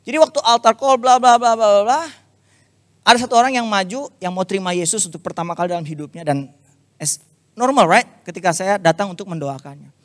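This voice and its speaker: A man preaching a lively, confessional story-sermon, dropping English phrases in. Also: sits high, fairly quick, dry recording, clean studio sound. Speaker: youth preacher.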